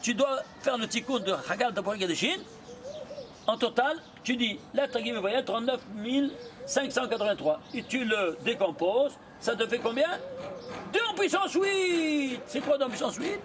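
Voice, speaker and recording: A rabbi teaching a lively Torah lesson, quizzing his students with quick rhetorical questions and mixing in Hebrew terms. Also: very high voice.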